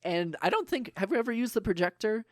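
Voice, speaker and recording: A man's voice: high voice, big pitch swings, quick pace, no echo, studio quality. A young adult man talking as a podcast guest in a casual, eager way, rambling with lots of fillers.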